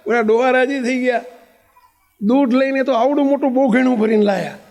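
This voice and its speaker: High-voiced man telling a sermon story. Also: normal speed, in a large hall. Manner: lively storytelling, acts out the voices of people in the story.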